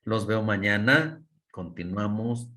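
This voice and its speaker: A man's voice: fairly low pitch, takes it slowly, bright, forceful tone. Man teaching English by video call. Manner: coaching, mixes Spanish and English, models intonation. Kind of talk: online class feedback.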